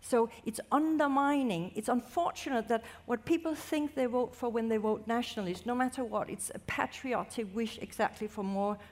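A woman on a panel presses an urgent argument, speaking in a voice a little higher than most women's. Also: normal speed, hardly any pauses, a little mellow. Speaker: panel guest. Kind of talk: panel discussion answer.

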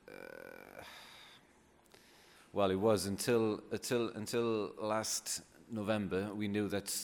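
Slow, very animated and a little mellow, this lowish male voice belongs to a Welsh-accented poet from Wales whose first language is Welsh. He gives an informal public talk without a script, hesitating thoughtfully. Background noise is clear and the hall echoes.

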